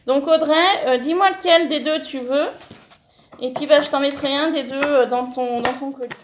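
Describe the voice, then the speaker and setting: Bright, high-pitched woman vlogger, chatty and gushing, self-correcting, relaxed at-home haul. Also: normal speed, roomy sound, background noise. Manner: enthusiastic, many fillers, self-correcting. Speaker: scrapbooking vlogger. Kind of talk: casual haul vlog, showing paper.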